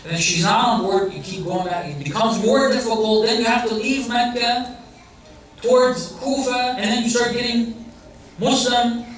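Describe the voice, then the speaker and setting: A man with a very high-pitched, steady voice speaks at normal speed, lecturing on religion in a conversational manner and regularly questioning the audience. He has an Iranian family background. The setting is a large hall or center, and the recording is distant and very echoey.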